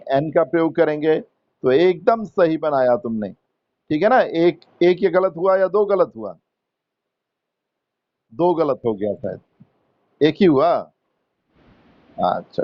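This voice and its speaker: Male teacher from India, slow patient explaining, fairly high voice, dull dry lo-fi recording. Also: no echo. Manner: slow, patient, repeats and quizzes students. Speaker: English teacher. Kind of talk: Hindi-English grammar lesson.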